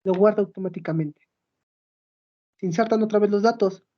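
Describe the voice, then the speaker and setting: A woman's voice: medium pitch, normal speed, dull audio. A woman explaining a database app step by step in a screen-recorded demo, checking in with her audience as she goes. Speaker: student presenting a project.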